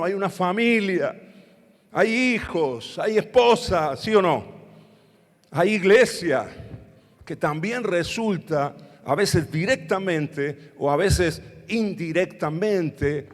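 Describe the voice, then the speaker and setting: A man's voice: high voice, big-room sound. A man with an Argentine accent, preaching a sermon as pastor and asking the congregation to answer back. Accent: Argentine Spanish. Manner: preaching with call-and-response questions to the congregation. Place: church hall.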